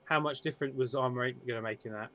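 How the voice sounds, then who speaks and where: A man's voice: medium pitch, a bit bright. A man co-hosting a casual tabletop game chat, teasing his friend and cutting in with questions. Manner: teasing, quick to interrupt with questions. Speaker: co-host.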